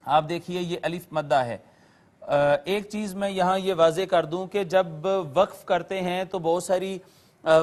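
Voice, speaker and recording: A man with a notably high voice gives a recorded lesson to viewers. He explains patiently, word by word, and slows down to recite each term with care. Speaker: Quran teacher. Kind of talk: recorded classroom lecture to viewers.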